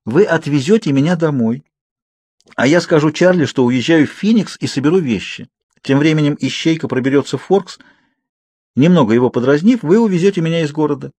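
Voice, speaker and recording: A man's voice: lively intonation, fairly quick, a little mellow, no echo. A man voicing a frantic teenage girl. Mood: urgent persuading. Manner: pleading, raised pitch. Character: teenage girl, frightened and insistent.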